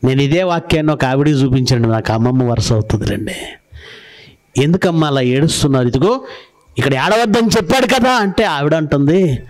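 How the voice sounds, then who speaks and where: A man's voice: mid-range voice, animated, brisk, darkish tone. A man preaching a sermon, telling stories and asking his listeners rhetorical questions. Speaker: pastor.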